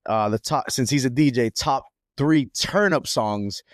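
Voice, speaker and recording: A man's voice: medium pitch, unhurried, no room sound, clean studio sound. A young man co-hosting a podcast, telling a story in casual chat full of slang and restarts. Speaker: podcast co-host. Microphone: podcast mic.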